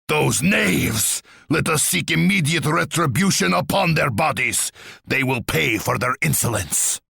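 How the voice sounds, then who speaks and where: An actor playing a boastful, bloodthirsty Russian tsar in a strategy game, with a pompous, menacing, theatrical delivery and a rough, gravelly voice. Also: male voice, mid-range voice, a bit bright, no echo, studio quality, heavily acted. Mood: indignant.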